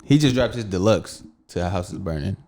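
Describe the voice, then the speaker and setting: A man co-hosting a podcast in relaxed casual chat, swearing freely and explaining his views at length. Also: low-pitched, normal speed, slight background noise. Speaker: podcast co-host.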